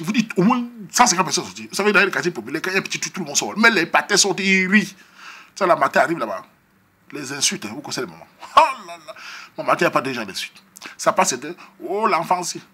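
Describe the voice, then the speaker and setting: A Cameroonian comedian with a Cameroonian French accent telling a comic story from his neighborhood, animated and acting out the scenes. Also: a little high, quick pace, breathy edge.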